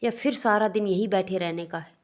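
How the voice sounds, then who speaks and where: A man's voice: high-pitched, fairly quick, close to an everyday voice. A woman voicing a stern young husband, cold but caring, who talks in curt, scolding lines.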